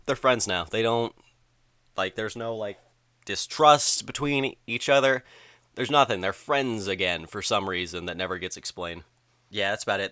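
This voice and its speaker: Guy in his twenties ranting about a movie, kinda low but bright voice, lots of ums, dry room. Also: clear, resonant tone, no echo. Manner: rambling, filler-heavy, with frequent ums and likes. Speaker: movie reviewer. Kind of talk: casual spoken film review.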